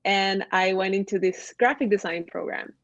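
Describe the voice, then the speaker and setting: A woman's voice: medium pitch, normal speed, dry recording, highs cut off. A woman from Ecuador, a graphic designer, chatting as a guest on a video call in a talkative, enthusiastic way. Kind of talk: casual video-call chat.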